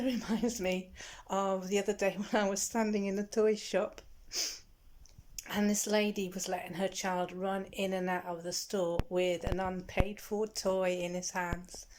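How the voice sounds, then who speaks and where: A middle-aged woman chats straight to camera in a relaxed vlog. Her talk is candid and rambling, with the ease of someone confiding in regular viewers. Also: medium pitch, a little slow. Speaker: vlogger and shop security guard. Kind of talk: casual vlog chat.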